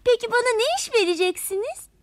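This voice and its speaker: A woman's voice: very high-pitched, fast talker, no room sound, pitched above the performer's own voice. A woman voicing a tiny, timid trumpet creature that stammers and pleads in a storybook tale. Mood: overjoyed. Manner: stammering, then tearful and pleading.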